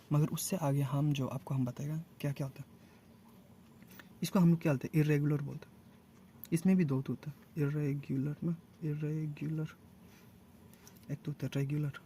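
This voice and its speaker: Guy teaching grammar, repeats words slowly, warm tone, bit of noise behind. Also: fairly high pitch. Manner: asks and answers his own questions, repeats words slowly. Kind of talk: casual spoken lesson on grammar.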